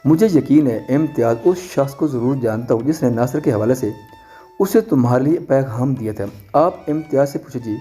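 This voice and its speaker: Man, mellow warm voice, steady story narration, soft music behind. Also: mid-range voice. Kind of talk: scripted first-person narration.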